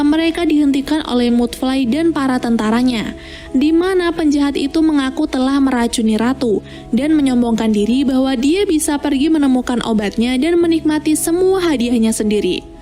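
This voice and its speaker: A woman narrates a story from a script. Her tone is soft and mellow, and music plays behind her. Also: high voice. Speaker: narrator of film plot recaps.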